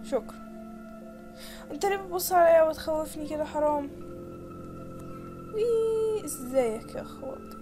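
A woman with an Egyptian Arabic accent talks through a horror game in her very high voice. She is jumpy and panicky, with sudden shrieks and giggles. Loud game music plays behind her. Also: moderate pace, long pauses. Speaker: gamer playing a horror game. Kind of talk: let's play commentary.

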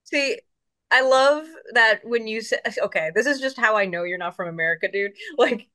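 A woman's voice: a little high, moderate pace, bright, forceful tone. A woman co-hosting an anime rewatch show, chatting animatedly and tossing in fan trivia. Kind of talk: casual reaction chat.

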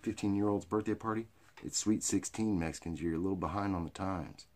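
A middle-aged American man with a hick drawl and a gravelly, raspy voice, rambling through off-the-cuff comedy to camera in a crude, rowdy redneck manner. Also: deep voice, a little fast, a little mellow. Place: small cluttered indoor storage room or workshop. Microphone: phone or webcam at arm's length.

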